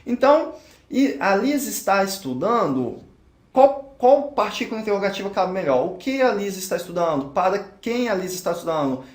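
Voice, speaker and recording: A man's voice: high voice, very animated, moderate pace, echoey room. A man with a Brazilian Portuguese accent, an English teacher working through a grammar exercise aloud and checking each answer.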